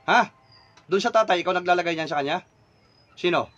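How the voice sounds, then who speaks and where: A man's voice: high-pitched, a little fast, fairly bright tone, lo-fi sound. A middle-aged man, a folk healer, commanding a spirit during a healing ritual and sharply demanding answers over and over.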